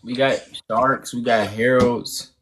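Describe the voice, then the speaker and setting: A man's voice: medium pitch, level tone, slow pace, a bit bright, slight background noise. A young man with a Midwestern accent, chatting casually and teasing on a livestream. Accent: Midwestern American. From Gary, Indiana. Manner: laid-back, teasing, slangy. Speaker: TikTok live co-host. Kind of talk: casual chat.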